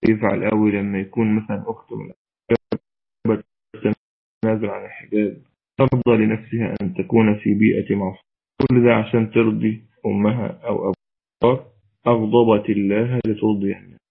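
A man's voice: on the low side, level tone, fast, vocal fry, husky. A man with an Egyptian accent giving a religious lesson and answering questions, exhorting earnestly and straining to make his weak voice carry. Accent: Egyptian Arabic. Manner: mixes formal Arabic with colloquial, earnest and exhorting. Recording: tinny phone-like audio.

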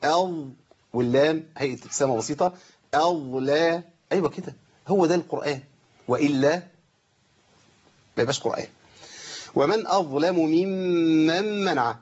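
On a live TV show that takes call-ins, a man with an Egyptian accent teaches Quran recitation, drawing out demonstration phrases and quizzing his students. His voice is a little high, a little mellow, and husky, and the sound is lo-fi.

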